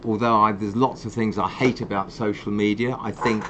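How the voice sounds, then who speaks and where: A man's voice: fairly low pitch, level tone, brisk, noisy background. A man hosting a live stream for a wildlife charity. He talks with passion and ranting zeal and pokes fun at himself. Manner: passionate, ranting, self-mocking.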